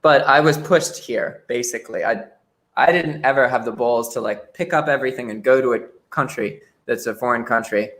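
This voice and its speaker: A man's voice: medium pitch, normal speed, a bit bright. Frank young man, stumbling restarts. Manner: frank, repeats words when starting sentences. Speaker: podcast guest. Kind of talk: casual interview chat.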